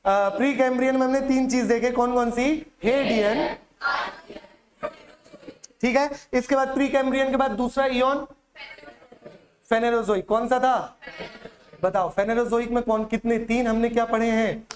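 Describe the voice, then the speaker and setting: A man's voice: very high-pitched, fairly even intonation, moderate pace, pauses often, a little hiss or hum. A male teacher lecturing a classroom in Hindi, quizzing students with repeated questions and memory tricks, with a Chhattisgarh accent. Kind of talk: classroom lecture with call-and-response drills.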